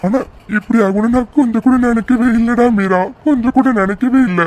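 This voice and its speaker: A worried father in a cartoon, full of regret, voiced by a performer. His voice is warm and mellow. He explains himself anxiously and admits he never expected this. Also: mid-range voice, brisk, lightly acted. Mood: regretful. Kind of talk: cartoon voice acting.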